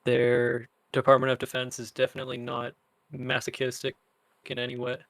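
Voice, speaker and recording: Male co-host, relaxed banter, noticeable vocal fry, dry close sound. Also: medium pitch, normal speed, no room sound. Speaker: podcast co-host. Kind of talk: casual banter.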